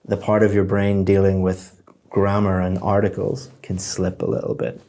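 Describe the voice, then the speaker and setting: Low, mellow-voiced male examiner. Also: completely flat delivery, moderate pace. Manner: encouraging, explanatory, many restarts. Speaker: IELTS speaking examiner giving feedback. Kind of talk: spoken feedback lesson.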